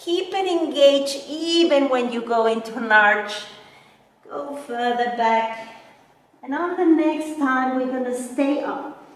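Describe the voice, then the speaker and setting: A woman leads a Pilates class in a high voice, giving unhurried cues and counts. Her manner is gentle and encouraging. The recording is heavily reverberant, with her voice some distance from the mic in a big room. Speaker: Pilates instructor leading a mat class. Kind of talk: exercise class instruction, step-by-step cues and counting.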